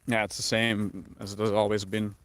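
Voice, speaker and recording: Chatting easily with stream viewers, this lightly accented Dutch man reads their questions out and considers each one. His voice is on the low side, his pace moderate, and no room sound is audible.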